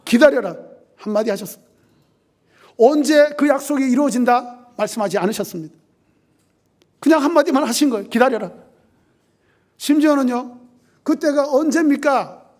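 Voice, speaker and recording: A man's voice: very high-pitched, a little mellow. A male pastor preaching a sermon with emphasis, asking the congregation rhetorical questions and building up lists.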